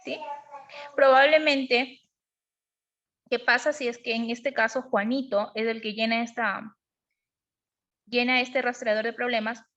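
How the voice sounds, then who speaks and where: A high-pitched woman leads a parenting lesson. She explains patiently and keeps asking her listeners whether they follow. The sound is dull and lo-fi. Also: fairly even intonation, a little slow, pauses often, fairly bright tone. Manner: explanatory, asks frequent checking questions. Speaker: parenting educator. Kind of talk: online class on emotional parenting.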